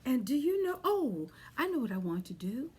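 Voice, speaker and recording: A children's library storytime host speaks in a high, very animated voice at a moderate pace against a noisy background. She's encouraging and sing-song with the young children, leading rhymes, songs, simple activities and craft talk.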